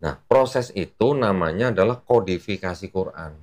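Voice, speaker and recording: Man, very deep voice, casual preacher, patient explaining, slangy fillers. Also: expressive, moderate pace, a little mellow. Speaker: Islamic preacher.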